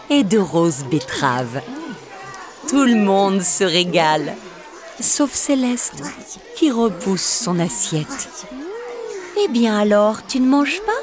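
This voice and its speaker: A woman reading a children's story aloud in a slow, expressive, sing-song way. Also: fairly low pitch.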